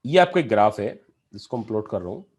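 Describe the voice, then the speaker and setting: Lively male math teacher quizzing students. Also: fairly low pitch, quick pace. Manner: explains step by step, asking students questions; mixes in English math terms. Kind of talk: classroom lecture on calculus.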